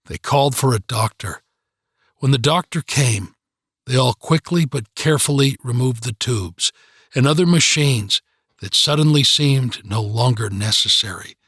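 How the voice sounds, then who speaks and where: A man narrates an audiobook in a calm, measured way. His pace is slow and his voice slightly husky, and the dry, close recording has no room echo. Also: medium pitch. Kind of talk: scripted narration.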